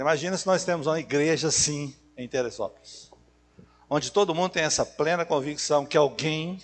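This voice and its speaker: Brazilian male preacher in a reverberant hall. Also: medium pitch. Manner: rhetorical questions and emphatic short repeated phrases. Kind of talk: church sermon. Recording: echoey hall with long reverb.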